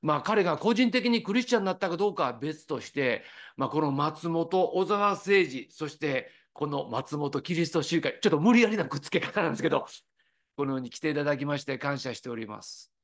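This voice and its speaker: A man's voice: a little high, a little fast. A man from Osaka with a Kansai accent, preaching a sermon in a conversational, storytelling way. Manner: conversational, lively storytelling with quoted voices.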